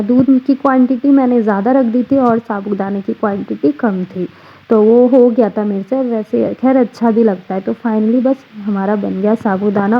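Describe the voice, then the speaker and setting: A woman's voice: a little high, husky, muffled recording. A woman vlogger giving a casual step-by-step cooking voice-over with chatty asides.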